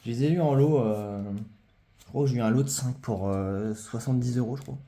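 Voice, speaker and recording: A man with a warm, medium-pitched voice talks fairly quickly as he casually shows off his trading card collection in a show-and-tell vlog. He sounds hesitant, leaning on lots of fillers and repeating phrases.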